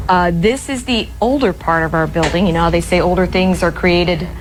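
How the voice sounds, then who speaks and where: Low-voiced woman anchoring live storm news. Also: moderate pace, rough recording. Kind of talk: live breaking-news ad-lib. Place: TV newsroom, indoors. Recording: clear background noise, ambient sound.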